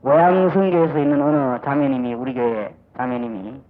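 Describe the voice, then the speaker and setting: Heard on a dull old audio recording from a church sanctuary, an older man preaches as pastor in a mid-range voice with fairly even intonation and a moderate pace. He hails from Busan, South Korea, speaks with a Gyeongsang accent, and delivers emphatically while acting out little dialogues.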